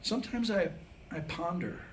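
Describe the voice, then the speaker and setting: A high-pitched middle-aged man, a playwright, delivers comedic stories and monologue at a moderate pace during a staged reading. A live audience is present, and the room recording carries background noise.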